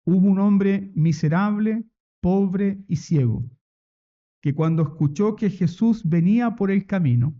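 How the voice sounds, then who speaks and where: A man's voice: high voice, measured pace, mellow, dull audio. A man preaching a sermon as pastor, emphatic, repeating key phrases and asking rhetorical questions. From Chile.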